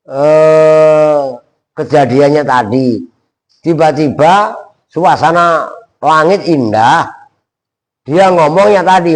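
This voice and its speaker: A man teaches an Arabic grammar text to students in a pesantren classroom. His voice sits a little high and he speaks at an unhurried pace. He stretches Arabic phrases out slowly and keeps asking his students whether they are following. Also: poor audio. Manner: chants Arabic phrases slowly, checks students often, scolds them. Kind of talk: classroom kitab lesson.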